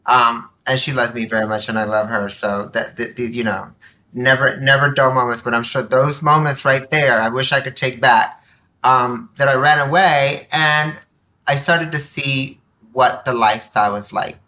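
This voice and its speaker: Guesting on a podcast, a male community activist shares personal stories in a casual, animated manner, imitating what people said and tossing out rhetorical questions. His voice sits in the mid range at normal speed.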